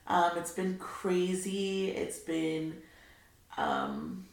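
A woman's voice: on the low side, huge pitch swings, extremely slow. A woman co-hosting a casual podcast from her living room, laid-back and filling her talk with ums. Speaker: podcast co-host. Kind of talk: casual chat. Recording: strongly echoing room.

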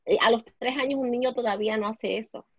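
A woman's voice: fairly high pitch, quick pace, slightly rough, dry recording. A woman telling a personal story as an interview guest, mixing in English words and restarting her sentences often. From Puerto Rico. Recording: dull, lo-fi sound.

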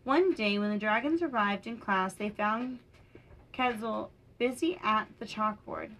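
A young woman reading a children's picture book aloud for her podcast, gentle and lightly animated, with small lifts in her voice for the characters. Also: mid-range voice, measured pace, slight background noise, low-quality recording. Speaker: podcast storyteller.

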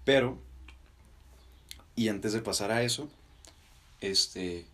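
A young man with a Mexican accent co-hosting a podcast, debating casually and deliberately in short, halting phrases. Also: fairly low pitch, a bit bright. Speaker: podcast co-host.

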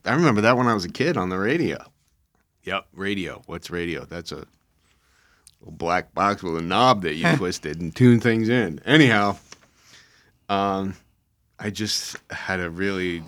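A middle-aged man co-hosting a casual faith podcast discussion, playful and quick to laugh at himself. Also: low voice, a bit bright. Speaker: podcast co-host.

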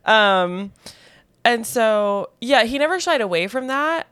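A woman's voice: on the high side, animated, slow, a bit bright, smooth. A woman co-hosting a podcast, chatting casually and animatedly retelling movie scenes. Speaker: podcast co-host. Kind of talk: casual chat.

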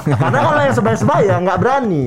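A man recounts a schoolyard fight in relaxed chat. His voice sits high with lively swings, and he rattles along, chuckling at himself. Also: fast talker, over a noisy crowd. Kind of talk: casual storytelling chat.

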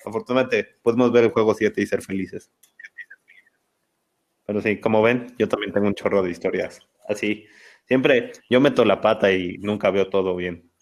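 A man in his twenties with a Mexican accent, co-hosting a podcast and telling stories in a lively way. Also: on the low side, normal speed. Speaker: podcast co-host. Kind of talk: casual chat.

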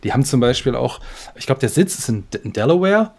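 A man with a gravelly, creaky voice chats casually as a podcast co-host. He talks in a loose, relaxed way, hedging and filling pauses as he goes. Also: medium pitch. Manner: relaxed, chatty, with fillers and hedges. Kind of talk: casual chat.

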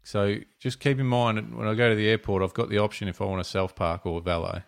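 A man with an Australian accent in casual conversation as a co-host, colloquial and thinking out loud as he goes. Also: lowish voice, steady tone, quick pace, gravelly, a little hiss or hum. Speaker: podcast co-host. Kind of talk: casual chat.

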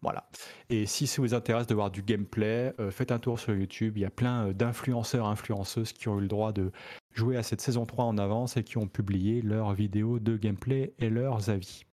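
Low-voiced man hosting gaming news. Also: steady tone, normal speed, warm tone. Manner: hesitant, many fillers; joking asides. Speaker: host of a gaming news show. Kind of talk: casual gaming news chat.

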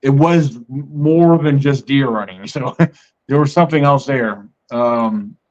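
A man's voice: medium pitch, slow pace. A man hosting a podcast, telling a story in a casual, meandering, conversational way. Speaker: podcast host. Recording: muffled lo-fi audio.

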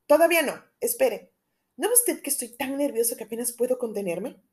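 A woman reading an audiobook, voicing an anxious middle-aged gentleman who confides in urgent, lowered tones. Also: expressive, brisk.

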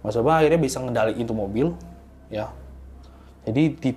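A man casually telling a horror story as a guest, growing animated at tense moments. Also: brisk, faint music behind. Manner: animated, rising in pitch and volume at tense moments.

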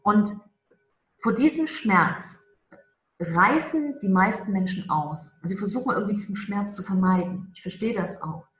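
A woman's voice: medium pitch, animated, normal speed, fairly bright tone. Woman charisma coach, talks emphatic, drags out key words, echoey room. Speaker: charisma coach, interview guest. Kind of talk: conversational interview.

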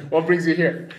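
A man hosting a podcast interview, upbeat and quick to laugh, with many fillers. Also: fairly high pitch. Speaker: podcast host. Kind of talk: casual interview. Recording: echoey room.

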